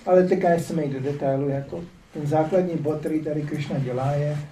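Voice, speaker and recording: Older man, ironic spiritual teacher, mellow voice pitched fairly high, heard from a distance in a roomy hall. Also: steady tone, a little hiss or hum. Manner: ironic, rhetorical asides. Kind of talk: lecture on scripture. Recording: roomy echo, distant mic.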